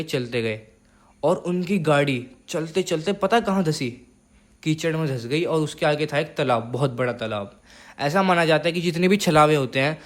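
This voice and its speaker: A young man with a voice on the high side casually tells a horror story, repeating phrases to build suspense and dropping to a hush.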